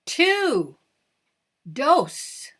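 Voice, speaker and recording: A kids' show host with a high, fairly bright voice talks extremely slowly, her pitch swinging hugely as she sings out to young children. She gets them to repeat her words, with children's music playing underneath.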